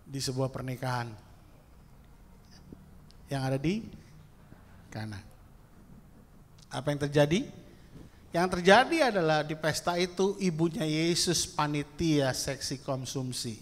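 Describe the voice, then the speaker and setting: A male pastor preaching a sermon in a playful, lively way, acting out little prayers and asides. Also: on the high side, a little slow, long pauses, a little hiss or hum. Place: church hall. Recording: church hall with long reverb.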